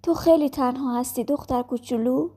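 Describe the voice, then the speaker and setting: A woman voicing a kind, gentle country doctor. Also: high-pitched, husky. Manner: soft, gentle questioning.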